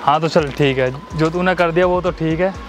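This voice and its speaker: A young man with a noticeably high voice argues in a staged street prank. He pleads, complains and then coaxes. Loud music plays over the outdoor recording. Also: moderate pace. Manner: argumentative, pleading then coaxing.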